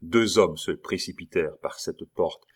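A man reading a classic novel aloud as an audiobook narrator, steady and measured. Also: sits low, husky.

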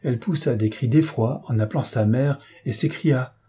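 Guy reading a french novel out loud, dark mellow husky voice, acts out both spouses. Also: medium pitch, moderate pace. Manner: steady dramatic reading, acting out both spouses. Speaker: narrator.

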